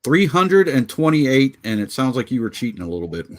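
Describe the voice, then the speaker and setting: A Pennsylvania man co-hosts a casual podcast over video call, rambling and cracking jokes while fumbling through his notes. His mid-range voice is very animated, and he talks briskly.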